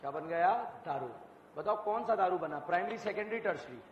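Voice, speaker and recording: A man teaching chemistry in an exam-prep lecture, firing questions at students and repeating each answer back to them, with bursts of shouted emphasis. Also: high-pitched, lively intonation, brisk, slight background noise. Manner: quizzing students, repeating answers with call-and-response. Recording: echoey hall, muffled lo-fi sound.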